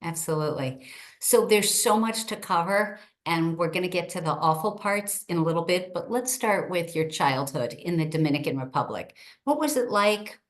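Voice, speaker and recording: Hosting a short interview over video call, a middle-aged state senator introduces her guest and puts questions to them cheerfully and eagerly. She speaks at a normal pace in a lowish voice with lively intonation.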